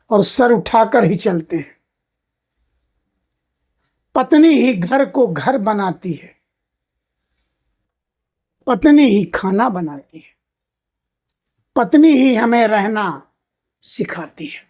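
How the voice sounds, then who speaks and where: A woman's voice: on the high side, expressive, slow, long pauses, a little mellow. A woman narrating earnestly, addressing husbands directly in a moral narration.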